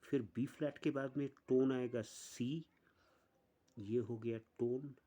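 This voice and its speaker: A man teaching an online music lesson, explaining step by step with pauses. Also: medium pitch, fairly even intonation, dark tone.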